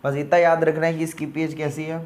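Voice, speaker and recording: A male teacher giving a casual lecture, talking to the student like a friend and often checking in with quick questions. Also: on the high side, little pitch movement, a little mellow. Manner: familiar, addresses the student as a buddy, checks in with "yes or no".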